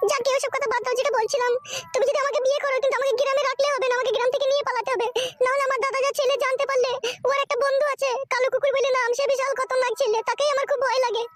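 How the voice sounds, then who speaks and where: A nervous young girlfriend from a village cartoon, played by a woman. She pleads in a very high, lilting voice and races through her words. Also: little pitch movement, rapid-fire, hardly any pauses, a little hiss or hum. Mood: pleading. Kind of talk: cartoon voice acting.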